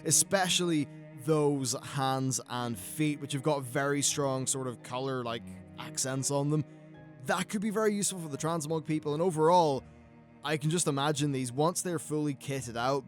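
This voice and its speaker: A man with a British accent giving casual, conversational and opinionated commentary as a gaming video host. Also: medium pitch.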